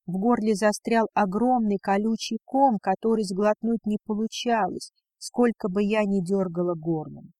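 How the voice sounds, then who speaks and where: A woman reading a first-person audiobook in a quiet, subdued way. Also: mid-range voice, moderate pace, few pauses, no room sound. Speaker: audiobook narrator.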